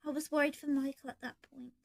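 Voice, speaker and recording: High-voiced woman telling a fan story. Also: level tone, fast, gravelly. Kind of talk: first-person fan story narration.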